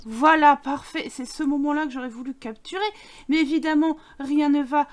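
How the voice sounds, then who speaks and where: A woman commenting casually on her life-sim gameplay, chatty and animated, often exclaiming at the screen. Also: high-pitched, moderate pace. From France. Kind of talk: casual let's play commentary.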